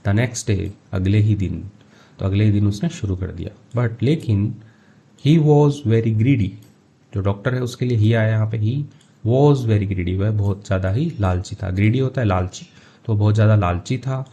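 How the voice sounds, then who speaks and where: Mellow-voiced man teaching English. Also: on the low side. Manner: reads English phrases slowly, then explains in Hindi. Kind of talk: line-by-line story translation lesson.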